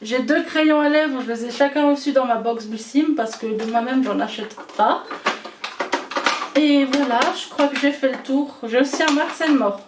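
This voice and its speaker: A woman with an Alsatian accent talks casually through her makeup as a vlogger, her voice high. She pauses often on fillers. Her voice sounds roomy and a little distant, with clear background noise. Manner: chatty, hesitant with many fillers. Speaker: beauty vlogger. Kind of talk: casual chat showing makeup. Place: small room at home. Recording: roomy echo, away from the mic, noisy.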